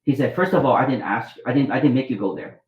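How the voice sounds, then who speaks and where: Expressive and fast-talking, a middle-aged man from Vietnam with a medium-pitched voice tells rambling anecdotes as a guest in a storytelling interview; he is a doctor and author. He restarts and acts out dialogue, with slight background noise, a roomy echo, and muffled sound.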